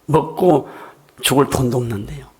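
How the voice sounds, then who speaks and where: A man's voice: mid-range voice, normal speed, darkish tone. An older man, a pastor, preaching a sermon in a church in a conversational, emphatic storytelling way.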